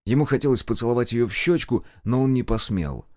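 A man's voice: mid-range voice, expressive, fairly quick, darkish tone, no room sound, studio quality. A man narrating a novel as an audiobook, in scripted storytelling.

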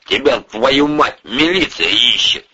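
A man voicing a bullying middle-aged male oligarch who barks insults and shouts, on an audiobook. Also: mid-range voice, lively intonation, slow, husky, dull audio, voice pushed up, exaggerated voice. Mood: sneering. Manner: barking, scornful, shouting insults.

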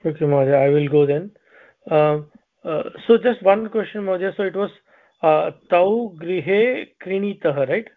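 A man student in a group voice call, reading exercise answers aloud in a halting way, with many fillers. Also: high voice. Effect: heard through a group voice call. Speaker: student in an online language class. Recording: phone-like voice call audio.

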